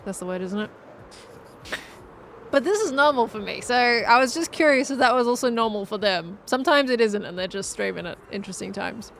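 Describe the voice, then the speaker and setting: Deadpan woman streamer, higher-pitched voice. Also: a little fast, creaky, slight background noise. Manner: deadpan, monotone delivery. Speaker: live streamer. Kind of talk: casual game stream commentary to chat.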